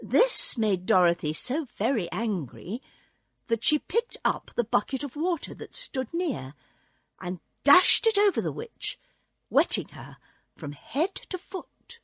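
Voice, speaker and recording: A woman reading a classic children's book aloud in a slow, expressive storytelling way. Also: mid-range voice, husky, no echo, clean studio sound.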